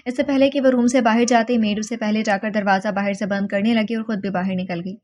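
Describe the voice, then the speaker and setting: A woman narrating an audio novel in an even, descriptive storytelling manner. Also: mid-range voice.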